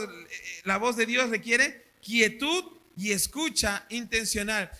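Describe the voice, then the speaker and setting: A male pastor, preaching a sermon at a church service and asking the congregation questions. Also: high-pitched. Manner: animated, asks the congregation questions.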